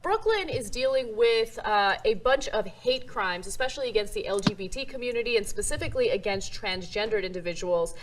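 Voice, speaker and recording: A woman's voice: a little high, expressive, a little fast, hardly any pauses, background noise. A woman co-hosting a casual talk show, reading out news stories and chatting about them. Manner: reads news stories then chats, fillers. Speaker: co-host.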